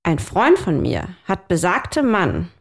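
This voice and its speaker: A woman in her thirties tells dating stories in a relaxed, chatty way. She is animated, laughs often and drops in English phrases as she goes. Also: lowish voice, slow pace, gravelly, breathy edge. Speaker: podcast co-host telling dating stories. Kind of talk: casual chat.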